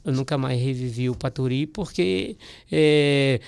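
A man with a Brazilian Portuguese accent, a comedian guest in an interview, telling anecdotes in an animated way and acting out the dialogue. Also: mid-range voice, a little slow, gravelly, smooth. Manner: animated, laughs through his stories, acts out dialogue. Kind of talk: storytelling anecdote in a podcast interview.

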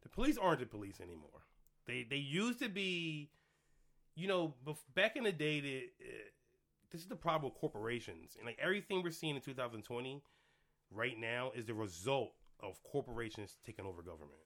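Man, 40s, podcast co-host, opinionated casual talker, animated pitch, bright. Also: a little fast. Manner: opinionated, lively, loud laughs. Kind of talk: casual chat.

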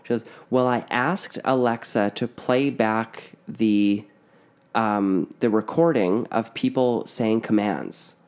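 A man's voice: on the low side, slow pace, smooth. A man co-hosting a podcast, telling a spooky family story in a casual, rambling way full of fillers and restarts. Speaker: podcast co-host.

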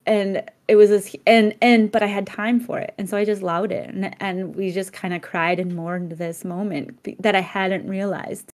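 A woman's voice: medium pitch, flat delivery, normal speed, few pauses, a little mellow. Woman, podcast co-host, casual and reflective, laughs readily. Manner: reflective, laughs often, many restarts. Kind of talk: casual conversation.

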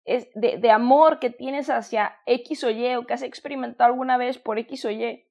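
A woman with a Mexican accent speaks in a high voice, giving a motivational talk on self-love. She talks in an affectionate, conversational way, repeating and restarting phrases as she goes. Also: steady tone, normal speed, gravelly, dull audio. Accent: Mexican Spanish. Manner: warm, affectionate, addresses listener as "hermosa".

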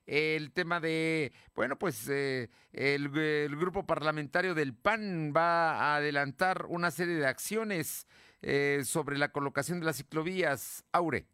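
Bright-voiced radio news anchor. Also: male voice, a little high, unhurried, clean tone, dry recording, studio quality. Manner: conversational, hands off to reporters.

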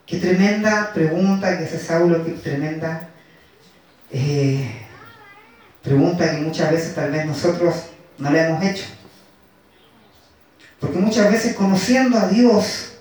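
A man preaching a sermon, repeating and dwelling on scripture lines and slowing down to stress them. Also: a little high, darkish tone. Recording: echoey room, voice from far off.

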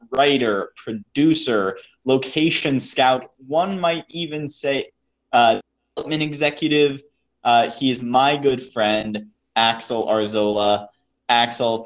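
In this casual interview chat, the male host of a screenwriting podcast talks with a guest in a meandering way, stumbling through fillers and restarts. His pitch is medium and the audio quality is poor.

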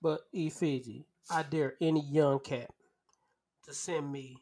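A man's voice: fairly high pitch, steady tone, measured pace, a little mellow, slight background noise. A man in his thirties co-hosting a podcast in casual debate, bluntly opinionated and ribbing the other person. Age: 30s. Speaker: podcast co-host.

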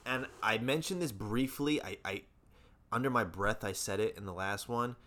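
A man's voice: on the low side, normal speed, fairly bright tone. A man in casual podcast chat, ranting with heat and plenty of swearing, often stumbling over repeated words as he restarts sentences. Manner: profane, heated ranting.

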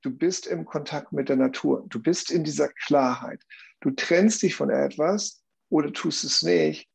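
A man's voice: fairly high pitch, unhurried, creaky, darkish tone, husky. A man explaining a view earnestly in conversation, often checking in with tag questions.

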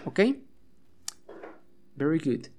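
His voice is mid-range, mellow and husky, with drawn-out words. The man teaches English on his bilingual podcast from home, patiently repeating vocabulary and getting his audience to echo it.

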